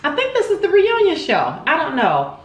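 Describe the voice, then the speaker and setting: A woman's voice: sits high, huge pitch swings, moderate pace, lo-fi sound. A woman hosting a casual mukbang, chatting expressively and repeating words for emphasis while chewing her food. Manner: chewing and eating while talking. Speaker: vlog host. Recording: roomy, echoey home recording.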